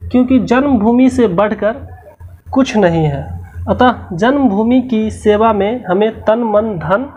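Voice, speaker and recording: A woman's voice: fairly high pitch, slow, a little mellow. A woman teacher going through a textbook lesson's questions, explaining each answer step by step and repeating the key words.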